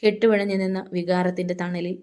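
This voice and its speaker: A woman reading a thriller novel aloud in measured, dramatic storytelling. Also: on the low side, level tone, warm tone. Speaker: audiobook narrator. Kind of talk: scripted audiobook narration.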